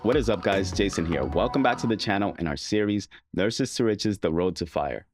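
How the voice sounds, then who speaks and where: A man's voice: deep voice, expressive, fairly quick, over music. A man born in the Dominican Republic hosting an interview over a video call in a friendly, conversational way. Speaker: host. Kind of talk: interview and channel intro.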